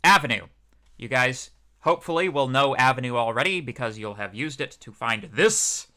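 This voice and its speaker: Young guy rambling through a livestream lecture, lots of ums, bright tone. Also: medium pitch, lively intonation, moderate pace. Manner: chatty, rambling, with many fillers. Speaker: university lecturer, PhD student.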